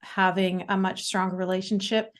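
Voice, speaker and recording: This podcast guest, a Canadian woman in her forties, talks in a laid-back interview with frequent fillers, false starts, and hesitations. She has a medium pitch and a flat delivery.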